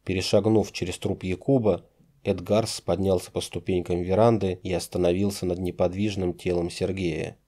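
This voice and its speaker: Male audiobook narrator, low and mellow, measured and dramatic. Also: level tone. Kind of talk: scripted narration.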